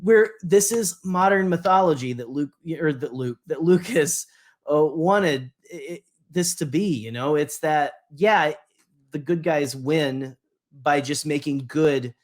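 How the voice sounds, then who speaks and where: Co-hosting a casual podcast about what he's a fan of, a man rambles eagerly, frequently drifting off and saying things twice. His voice is fairly high, and he takes his time.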